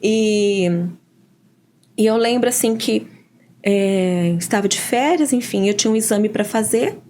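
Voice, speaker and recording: A woman with a Brazilian Portuguese accent, a guest telling her personal adoption story in an animated way and often acting out the dialogue. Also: mid-range voice, unhurried, slight background noise. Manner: animated, often quotes dialogue with "eu falei assim". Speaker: interview guest, adoptive mother.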